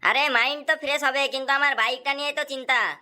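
A woman's voice: high voice, steady tone, quick pace, bright, forceful tone. A woman voicing an anxious young man, a farmer's son, in a cartoon. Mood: worried. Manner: anxious and complaining.

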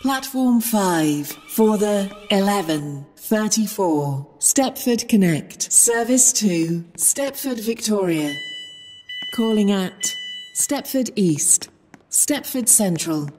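A woman giving automated train station platform announcements over a loudspeaker, with measured, evenly spaced delivery. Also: medium pitch, big-room sound, slight background noise.

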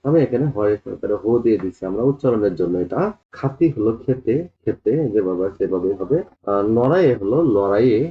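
Fast-talking teacher, tinny audio. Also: male voice, lowish voice. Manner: drawn-out repetitive explaining, addressing students directly. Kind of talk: classroom lesson explaining spelling.

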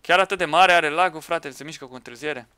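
A man commenting on a Minecraft match with friends, excitable, shouting at teammates and laughing. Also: fairly high pitch, smooth, no echo. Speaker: gaming YouTuber.

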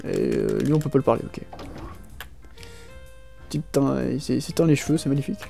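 A man's voice: medium pitch, huge pitch swings, a little fast, vocal fry, warm tone. A young man giving casual, joking gaming commentary, rambling and slangy as he plays and reads dialogue aloud. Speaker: video game let's player. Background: faint game music.

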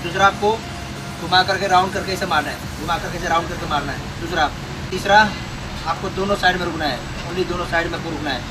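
A man's voice: fairly high pitch, fast, noisy background. A young man with an Indian accent teaching welding step by step, repeating each instruction, recorded on a workshop floor. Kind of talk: hands-on tutorial.

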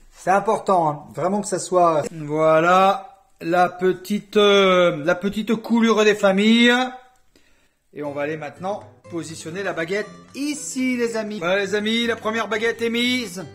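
A high-pitched man chats through his home DIY project in a playful, joking way, putting on a southern French accent as he talks to viewers. Faint music plays underneath. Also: fairly bright tone. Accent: put-on southern French. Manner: playful, jokey, talks to viewers, hums and sings bits. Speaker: DIY vlogger. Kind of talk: casual home DIY vlog.

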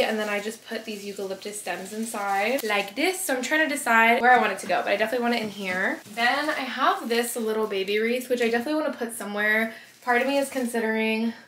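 A woman's voice: on the high side, fairly bright tone, reverberant, a little hiss or hum. A woman in her twenties, a lifestyle vlogger, chatting casually and upbeat while organizing her bedroom closet, filmed on a camera close by. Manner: chatty, upbeat, lots of "like" and "literally". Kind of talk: casual vlog narration. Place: small bedroom with closet, indoors.

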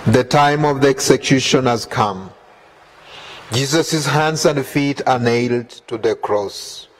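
A man reads the Way of the Cross devotion at a very unhurried pace. His voice sits at an ordinary middle pitch, and each line is reverent and measured. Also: a little hiss or hum, rough recording. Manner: slow, reverent, measured reading. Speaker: prayer leader.

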